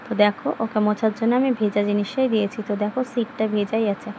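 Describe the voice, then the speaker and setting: A woman's voice: mid-range voice, fairly even intonation, fast talker, a little hiss or hum, low-quality recording. A young woman chatting through her day in a casual home vlog, giving a running commentary. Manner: speaks softly so the sleeping baby is not disturbed. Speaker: vlogger.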